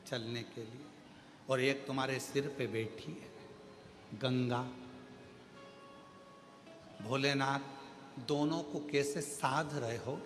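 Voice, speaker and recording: Man doing a soft pleading demon king, slow and low, echoey hall, music behind. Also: natural voice. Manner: soft, lowered, devotional pleading.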